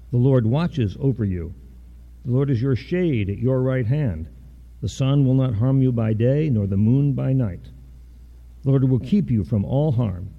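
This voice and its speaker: Dean reading scripture on a dull recording. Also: male voice, medium pitch. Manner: measured, formal reading. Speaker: college dean. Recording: dull lo-fi sound.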